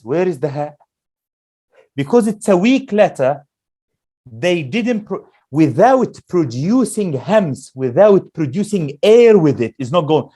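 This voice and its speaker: A man's voice: a little high, mellow. Man teaching letter sounds to a class. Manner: drills letter sounds slowly, asks the class questions. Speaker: Quran teacher.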